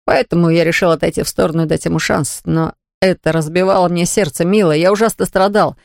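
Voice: medium pitch, steady tone, quick pace, gravelly, no echo, studio quality, lightly acted. A reader doing an earnest young man in love. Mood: imploring. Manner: earnest, imploring.

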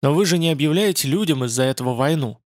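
A man voicing a proud, gruff young loner with a dark reputation, speaking bluntly and dismissively. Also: fairly high pitch, animated, fast talker, dry recording, studio quality, lightly acted.

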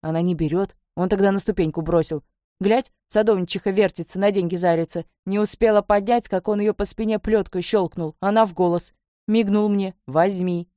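A woman's voice: medium pitch, fairly even intonation, fairly quick, warm tone, no room sound, studio quality. A woman reading aloud a first-person story told in folksy, plainspoken narration. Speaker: audiobook reader.

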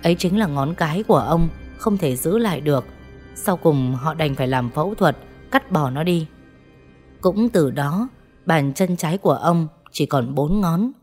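A woman narrating a ghost story in a steady storytelling manner. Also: low voice, normal speed, breathy edge. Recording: faint background music.

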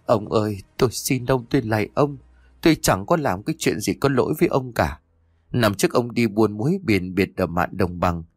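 A man's voice: lowish voice, moderate pace, slightly rough, dry recording, clean studio sound. A man voicing a frightened young wife who pleads tearfully with her husband. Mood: pleading.

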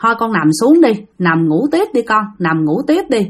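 A woman's voice: a little high, very animated, normal speed, husky. A woman voicing a worried, pleading mother. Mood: coaxing. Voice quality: pleading, coaxing. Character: worried mother pleading with her sick son.

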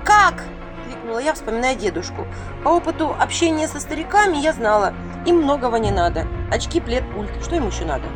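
A woman reading a storybook aloud in a lively, flustered first-person telling. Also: on the high side, fast. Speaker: audiobook reader. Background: background music.

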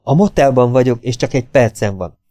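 A man voicing a blunt male private detective in an audiobook, talking quickly and matter-of-factly. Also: mid-range voice, animated, mellow, no room sound, lightly acted. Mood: hurried.

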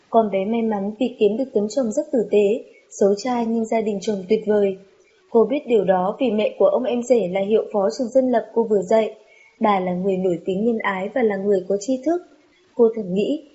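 A woman storyteller narrating a true-life story in a calm, steady, mournful way. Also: a little high. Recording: dull lo-fi recording.

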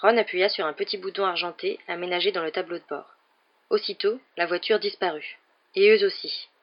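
An audiobook reader narrating a novel in an even, measured way. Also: medium pitch, muffled recording.

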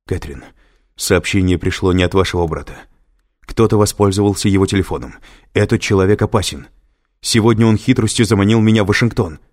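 An anxious professor pleading urgently, as a man reading an audiobook puts him on. The voice is low and tense, each phrase pushed forward with worry. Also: fairly quick, a little mellow, close to an everyday voice.

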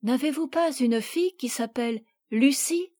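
A woman reading the lines of an eager young girl in a storybook, in a bright voice. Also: high-pitched, normal speed, close to an everyday voice.

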